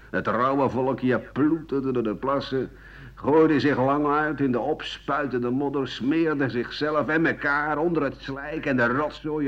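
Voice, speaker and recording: In a dull-sounding 1980 radio play, an actor portrays an embittered, aging French doctor and war veteran who rambles sardonically through his memories. His medium-pitched voice is husky and rough-edged, and the acting is light.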